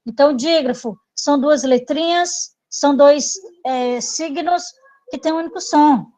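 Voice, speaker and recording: A woman's voice: sits high, a little slow, dark tone, rough recording. A woman with a Brazilian Portuguese accent teaching an online grammar review, explaining patiently with repeated examples and checking in with her students.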